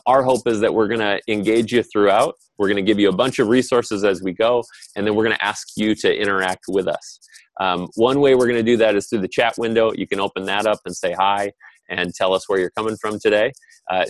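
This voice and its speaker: In a dry recording, a man with a fairly low voice hosts an online panel over a video call. He moderates the webinar in a relaxed, conversational manner.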